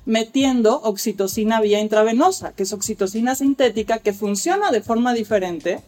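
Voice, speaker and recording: A woman talks a little fast in a fairly high, slightly mellow voice. Speaking as an expert guest, she gives an articulate, lecture-style explanation of childbirth care and dramatizes the dialogue she quotes.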